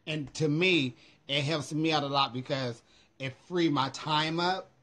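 Husky, high-pitched American man, sassy. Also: steady tone, a little slow, fairly bright tone. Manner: sassy, emphatic, profanity-laced. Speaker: vlogger. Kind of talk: casual livestream chat. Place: small room at home. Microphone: phone at arm's length.

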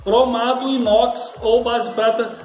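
A man's voice: extremely high pitch, flat delivery, takes it slowly, a little mellow, reverberant. A man with a Brazilian Portuguese accent, a custom painter, patiently explaining a paint job step by step in a casual way.

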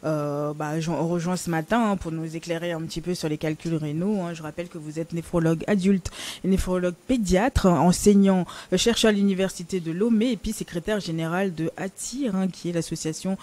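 High-voiced male health-show host. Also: steady tone, brisk, darkish tone. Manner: supportive, echoes and sums up the guest. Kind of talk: TV health interview.

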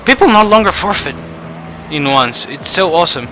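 A man giving frustrated gameplay commentary, swinging between muttering and shouting. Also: on the high side, sing-song, moderate pace, a little hiss or hum, rough recording. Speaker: gaming channel host.

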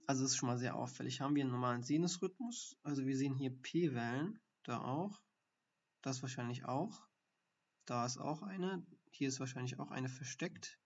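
In a live stream, a doctor talks through ECG findings step by step, thinking out loud and dropping fillers along the way. His voice is medium in pitch with a breathy edge, and the audio is dull and lo-fi.

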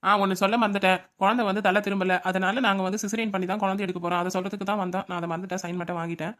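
A woman's voice: medium pitch, little pitch movement, fairly bright tone, lightly acted. A woman voicing a blunt, matter-of-fact woman doctor in a family cartoon. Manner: blunt and forgetful, rapid.

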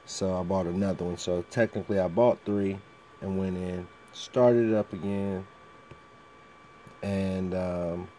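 Over the sound of a background fan and a little hiss or hum, a man gives casual walkthrough commentary on a mobile game. His deep voice is steady, unhurried, and mellow, and he frequently clears his throat.

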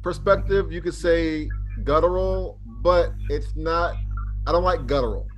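A man's voice: a little high, a little slow, soft background music. A man teaching a live online Hebrew class, speaking casually and drilling students with questions.

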